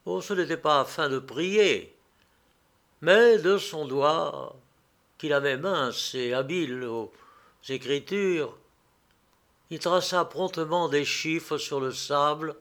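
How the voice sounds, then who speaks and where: Man reading a literary tale, measured and unhurried, slightly high voice. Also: fairly bright tone. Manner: measured, unhurried, a few fillers. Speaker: reader.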